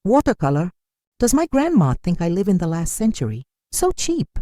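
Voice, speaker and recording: A woman's voice: fairly low pitch, wildly swooping pitch, moderate pace, warm tone, no echo, voice pushed up. A woman voicing a scornful teenage granddaughter who mocks a gift, with a sneering, contemptuous delivery.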